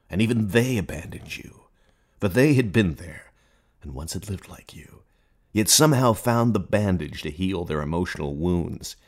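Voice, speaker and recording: In a radio play, a man performs a merciless, taunting inner narrator, addressing "you" in literary second person. His husky, low-pitched voice is exaggerated, with theatrical, accusing emphasis.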